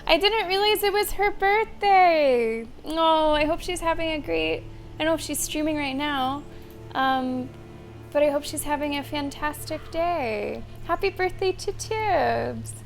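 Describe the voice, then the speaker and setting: A woman's voice: high-pitched, a little slow. A woman game streamer giving casual live playthrough commentary and chatting with her viewers. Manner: chatty, thanks and addresses viewers. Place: voice over game audio. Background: faint game music.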